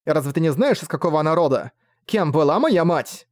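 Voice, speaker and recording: A man's voice: fairly high pitch, animated, fairly quick, dry recording, clean studio sound, pitched above the performer's own voice, natural voice. A man voicing an angry scolding mother. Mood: furious. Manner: sharp and scolding, shouting at times. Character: stern, overbearing middle-aged mother, quick to anger.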